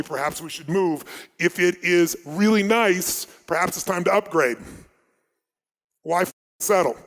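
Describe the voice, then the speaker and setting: A man with a slightly raised voice tells stories to a crowd at a motivational seminar. His delivery is emphatic, surging loud and then falling to hushed asides. The sound carries the long reverb of a large hall. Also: on the high side. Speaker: motivational speaker. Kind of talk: live seminar storytelling.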